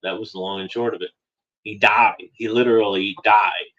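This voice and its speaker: Casting note: man with a lowish voice, rambling commentator, dull lo-fi recording. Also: steady tone, normal speed, bright, forceful tone. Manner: rambling, repeats phrases, frequent "you know". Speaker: political commentator. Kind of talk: casual spoken monologue.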